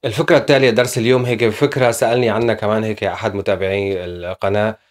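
A man's voice: fairly low pitch, fairly even intonation, racing. A man teaching German in a casual video lesson, explaining step by step with frequent fillers.

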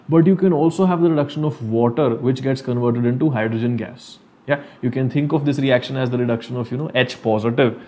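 A man's voice: medium pitch, darkish tone. A young man with a North Indian accent teaching a live revision lesson as an online teacher, informal and explaining step by step, often asking questions and mixing languages. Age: young adult. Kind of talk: live exam revision lesson, switching between English and Hindi. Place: small furnished room at home, indoors.

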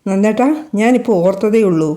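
A woman's voice: medium pitch, fast talker, mellow, close to an everyday voice. A woman voicing an anxious, loving young female student in an audio storybook, earnest and emotional. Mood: eager.

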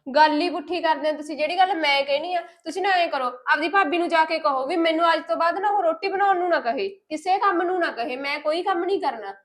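A high, quick voice belongs to a defiant young wife who shirks every chore and snaps back at everyone, played by a woman. The speech comes fast and pointed, with a bickering tone in a homespun family drama. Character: lazy, sharp-tongued young wife. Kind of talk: village family drama acting.

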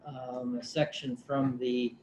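This man speaks slowly in a flat, slightly mellow mid-range voice while presenting a project to a public board as county conservation director. He hesitates a lot, with many fillers and restarts, and the room sounds roomy with a faint hum.

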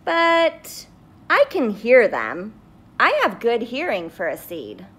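A woman voicing a grumpy, defiant little sunflower seed in an emphatic, drawn-out storybook delivery. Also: fairly high pitch, huge pitch swings, a bit bright, slightly rough, full character voice.

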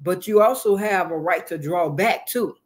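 A woman's voice: fairly low pitch, normal speed. Earnest, rambling woman guest. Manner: rambling and earnest, repeats phrases for emphasis. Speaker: guest, hip hop artist and author. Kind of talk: casual interview talk.

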